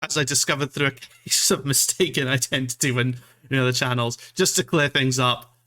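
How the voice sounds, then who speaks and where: A man's voice: medium pitch, steady tone, brisk, bright, forceful tone. A man from Scotland chatting casually as a livestream host, rambling and self-deprecating, with some casual swearing. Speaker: streamer, VTuber.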